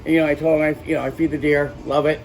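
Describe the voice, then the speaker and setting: A man's voice: fairly high pitch, level tone, very fast, creaky, darkish tone, a little hiss or hum, low-quality recording. A man from Minnesota telling strange stories in casual chat, rambling and swearing freely. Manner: rambling, swears casually, drops into quoted voices.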